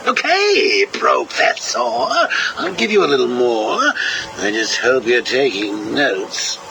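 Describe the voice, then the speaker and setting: An actor playing a manic, mocking villain clown, heard played back from an old interview tape. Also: male voice, medium pitch, big pitch swings, takes it slowly, creaky, sharp tone, heavily acted, rough recording. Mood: sardonic. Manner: sarcastic, sing-song, cackling. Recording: hissy cassette tape recording.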